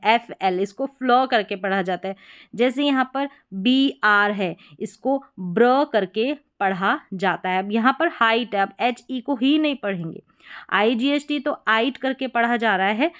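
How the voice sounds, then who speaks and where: A woman with a smooth, resonant voice pitched a little high walks learners through spelling patterns. She spells words out slowly letter by letter, repeats each pronunciation and checks in with short affirmations. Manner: slow, patient letter-by-letter spelling out. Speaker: English reading teacher. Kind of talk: explaining spelling patterns step by step.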